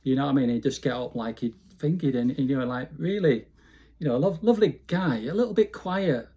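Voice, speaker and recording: Speaking a little fast, a fifties-aged interview guest from Bolton, Lancashire, England has a mellow, medium-pitched voice with the highs cut off. He reminisces in a casual, chatty manner with his local accent, regularly saying "you know."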